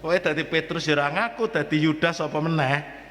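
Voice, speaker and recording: A Javanese-accented man, a parish priest, preaching a homily at Mass with lively shifts between formal preaching and joking asides. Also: a little high, a little fast, slight background noise. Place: church. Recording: long church reverb.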